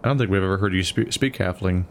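A man's voice: sits low, fast, a little hiss or hum. A man playing a tabletop role-playing game, throwing in joking asides. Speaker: player. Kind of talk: casual tabletop game play.

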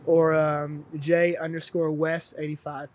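A man guesting on a casual chat, an actor who talks easily with many pauses and fillers. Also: on the high side, monotone, darkish tone. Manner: easygoing, many "uh"s, spells things out slowly.

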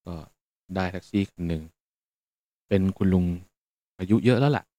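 Male podcast host, laid-back storyteller; dark, mellow voice, dry close sound. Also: low voice, moderate pace, no echo. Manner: relaxed, meandering with fillers. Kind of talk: casual spoken storytelling.

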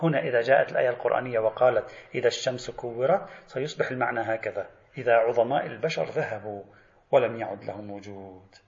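A male lecturer, giving an animated spoken lesson on religious thought and acting out imagined questions to the theorist he discusses. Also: mid-range voice, fast, vocal fry. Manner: animated, voices imagined exchanges and asks rhetorical questions. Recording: echoey, slightly dull lecture recording.

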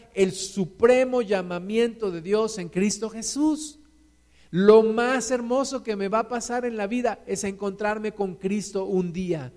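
A man's voice: high voice, darkish tone. A man preaching a sermon, earnest and encouraging, with dramatic retellings of a story. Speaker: pastor. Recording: echoey hall.

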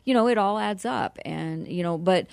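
A woman's voice: mid-range voice, creaky, a little mellow, no room sound. A woman, a nonprofit director, talking earnestly as a guest in a radio interview. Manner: earnest, spells things out slowly.

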